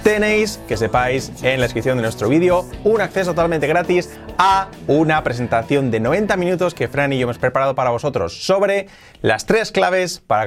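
A man with a Spain Spanish accent, an English teacher explaining grammar step by step and repeating English example sentences slowly. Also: medium pitch.

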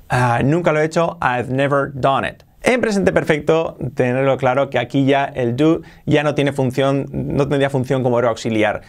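A man with a native Spanish voice explains English grammar to learners in a relaxed, informal way. He slows down and repeats each English example sentence several times. His pitch sits in the middle for a man. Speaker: English teacher.

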